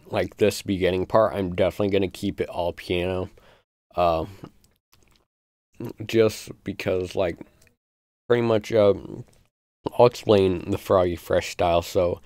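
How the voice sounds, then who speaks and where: A man with a deep voice that has a gravelly, fry-laden edge, walking through a beat on a live stream. He talks casually and rambles, with plenty of ums. The sound is close and dry, with no room echo. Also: a little mellow. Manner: casual, loose explanations with many fillers. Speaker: music producer.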